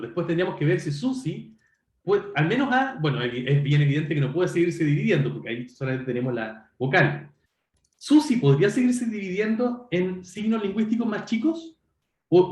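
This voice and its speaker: Male lecturer, fairly high and lively delivery, self-correcting explainer, echoey room. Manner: explanatory, checks in with students; self-correcting, frequent "perdón". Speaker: university lecturer. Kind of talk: online linguistics lecture.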